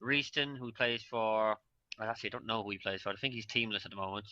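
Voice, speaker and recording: A man co-commentates an esports match in a casual, offhand way, thinking aloud and admitting when he is unsure. His voice is bright and forceful at a middle pitch. It comes through a dull, lo-fi mic with a dry sound. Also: fast, no echo. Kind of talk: live esports broadcast commentary.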